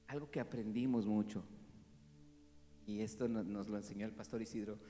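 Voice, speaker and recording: A man, a pastor preaching an animated sermon that swings from loud to hushed. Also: on the low side, moderate pace, in a large hall. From Mexico. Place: church hall.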